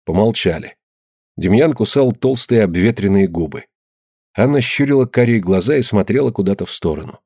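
A man narrating an audiobook story in an even, measured way. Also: fairly low pitch, breathy edge, no room sound, studio quality.

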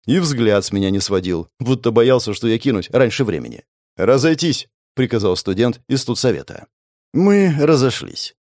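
A man narrating a first-person audiobook in an expressive, dramatic storytelling manner. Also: lowish voice, vocal fry, no room sound, studio quality.

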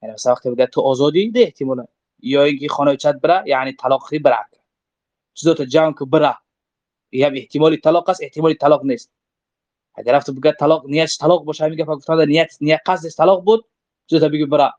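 A man's voice: a little high, fairly even intonation, a little mellow, no echo. Man teaching a religious text, lo-fi. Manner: reads short Arabic passages, then explains them conversationally with examples. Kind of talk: explaining a legal text line by line. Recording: dull lo-fi dry recording.

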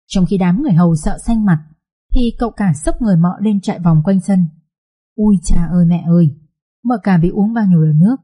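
A woman narrates a family drama with lively, colloquial turns of phrase. Her voice is mellow and dark, with a husky grain. She reads at a steady, everyday pitch. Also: brisk. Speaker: storyteller. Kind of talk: storybook narration.

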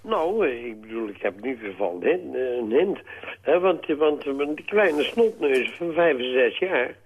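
An older man phoning in to a radio show, speaking in a hesitant, halting way full of fillers. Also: medium pitch, expressive, breathy edge. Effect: phone-line caller to a radio show. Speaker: caller. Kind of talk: late-night radio call-in chat. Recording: tinny phone line.

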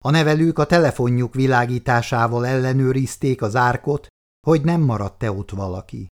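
Calm male audiobook narrator. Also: medium pitch. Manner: calm, measured storytelling. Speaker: audiobook reader. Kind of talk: scripted narration.

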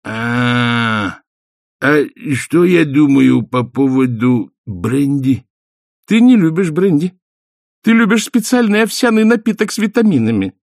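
A male reader voicing Mrs War, a haughty former valkyrie and bossy wife, in a high, prim, firm falsetto. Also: sing-song, unhurried, no room sound, clean studio sound. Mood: scolding. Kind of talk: audiobook character voice.

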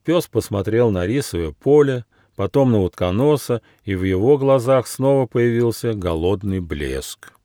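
A man, the author, narrating his own fairy tale in an expressive storybook style. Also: fairly low pitch, normal speed, no room sound, clean studio sound.

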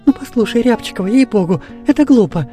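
A calm, sensible schoolgirl, as a woman reading a storybook puts her on. She speaks seriously, her voice lifted and mellow. Faint guitar music plays behind her. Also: fairly high pitch, fast talker, pitched above the performer's own voice, close to an everyday voice. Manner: serious and level.

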